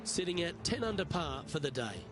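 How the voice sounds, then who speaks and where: A man calling golf play-by-play for a video game, brisk and polished, with light jokes. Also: fairly high pitch, big pitch swings. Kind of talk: scripted video game commentary. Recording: game commentary over music.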